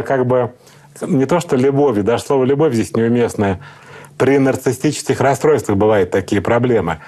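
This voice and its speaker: Calm lecturing man, dark voice. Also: medium pitch. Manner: calm, lecturing, acts out example speakers. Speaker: psychotherapist guest. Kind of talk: explanatory interview talk.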